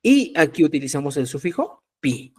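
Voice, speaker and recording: A man teaching a live online language class, speaking slowly and with emphasis, and often checking whether the students follow. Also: a little high, big pitch swings, husky. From Peru. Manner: checks understanding with repeated "¿ya?"; slow, emphatic drilling of example words.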